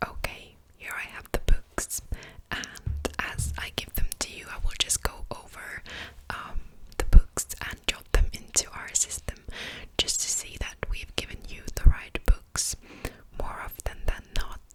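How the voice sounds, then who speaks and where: Woman's hushed library whisper, whispered role-play. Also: low-quality recording. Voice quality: soft, breathy library whisper, almost entirely unvoiced. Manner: unhurried, explanatory, gently attentive. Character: patient, helpful female librarian serving a borrower. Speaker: ASMR performer playing a librarian.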